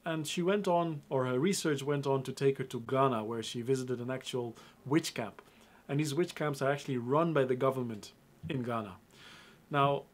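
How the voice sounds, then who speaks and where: A young man presenting a film review to camera in an upbeat, emphatic way, speaking straight to his viewers. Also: medium pitch.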